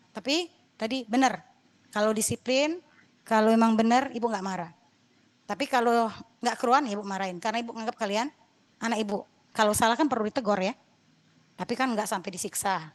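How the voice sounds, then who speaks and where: A woman's voice: on the high side, a bit bright. A middle-aged woman lecturing university students in a chatty, digressive way, sometimes mildly scolding. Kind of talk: classroom lecture.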